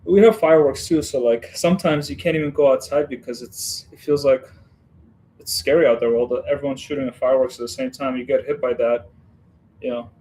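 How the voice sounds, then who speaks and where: A man's voice: medium pitch, steady tone, brisk, a little mellow, rough recording. A man from Western Ukraine hosting a casual building livestream, chatting and rambling with viewers as he works. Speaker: livestream host building a model set.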